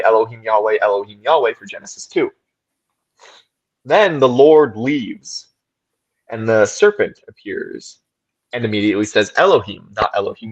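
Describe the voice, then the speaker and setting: A podcast co-host with a fairly low voice talks through ideas at length in casual discussion, recorded with lo-fi sound. Thoughtful and expansive, he keeps checking in with "right?".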